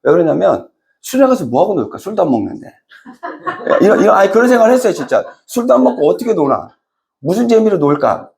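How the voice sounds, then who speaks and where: A middle-aged man preaches in a conversational, animated way, slipping into character voices as he tells a story. His voice sits fairly high for a man, with a gravelly rasp and wide swings in pitch. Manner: conversational, asks the congregation questions. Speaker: pastor. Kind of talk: sermon.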